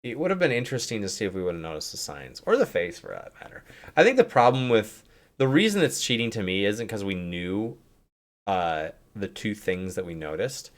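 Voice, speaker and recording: Low-voiced man reviewing games casually. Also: big pitch swings, fairly quick. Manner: rambling, heavy use of "like"; talks through restarts and hedges. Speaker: streamer and host. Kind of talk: casual chat, game review.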